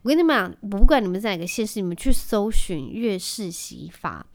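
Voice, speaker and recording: A chatty woman in her thirties from Taiwan hosts her own podcast. She talks loosely and rambles, with a lot of filler words, at a middle pitch. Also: big pitch swings, fairly quick. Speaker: podcast host. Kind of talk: casual chat.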